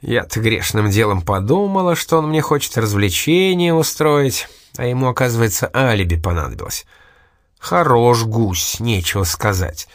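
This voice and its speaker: A man's voice: mid-range voice, expressive, moderate pace, no room sound, clean studio sound, lightly acted. Lolita, a sly young woman, as a man reads her. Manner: coaxing, teasing.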